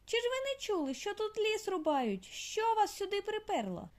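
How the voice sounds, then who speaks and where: Woman voicing a squeaky, stern little girl mole. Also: wildly swooping pitch, normal speed, a little mellow, heavily acted. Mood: grumbling. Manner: grumbling, bossy. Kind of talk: audiobook character voice.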